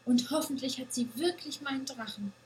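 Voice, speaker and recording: A woman voicing a little girl goat in a children's story, with a childlike, high, pleading voice. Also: fairly quick, darkish tone, a little hiss or hum, close to an everyday voice. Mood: hopeful.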